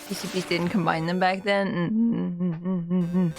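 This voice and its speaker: A woman's voice: on the low side, flat delivery, moderate pace, darkish tone, soft background music. A woman giving casual, joking commentary as she plays a video game, slipping between exclamations and muttering. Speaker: gamer playing a game for the first time. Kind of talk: casual playful gaming commentary.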